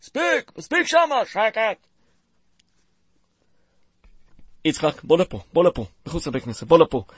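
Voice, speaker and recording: A man's voice: sits high, slightly rough, dry recording, heavily acted. A man playing a stern, impatient man set on making an arrest in a comic radio play. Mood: agitated. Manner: impatient, animated.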